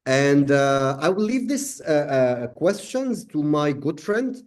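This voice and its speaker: A man's voice: fairly high pitch, sing-song, slow. A man from Egypt hosting a live trading webinar, answering questions casually with many fillers.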